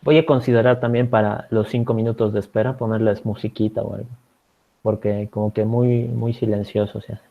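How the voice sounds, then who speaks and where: This man from Bolivia teaches an online coding class as a teaching assistant, walking through code step by step and repeatedly checking with his students. His voice sits low and sounds gravelly, with a flat delivery at a fairly quick pace. Audio is from a video call and a bit dull.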